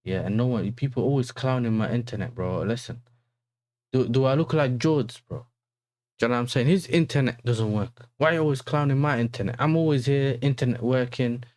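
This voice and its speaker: Fairly quick and darkish in tone, this man's mid-range voice comes through on a dry recording. He's running a laid-back football livestream in a London street-style roadman accent, full of slang and tag questions.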